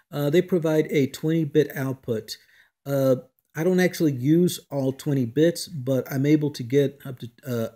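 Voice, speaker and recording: This hobbyist's unplanned technical demonstration features a man explaining electronics in a deliberate, halting fashion. His voice is medium in pitch and dark in tone.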